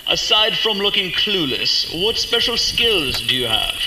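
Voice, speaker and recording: A woman's voice: mid-range voice, big pitch swings, a little slow, over loud music, poor audio. A woman acting a curt, dryly dismissive camp registrar in a comic audio drama. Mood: brisk, dismissive. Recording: loud background noise.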